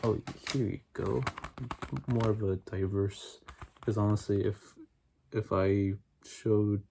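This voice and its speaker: A young adult man doing a fast, aggressive ASMR ramble in a casual, repetitive, enthusiastic way. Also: fairly low pitch, little pitch movement, creaky, mellow. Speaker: ASMR video creator. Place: small bedroom, indoors. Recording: noisy room, clicking and tapping. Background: tapping and clicking on CD cases.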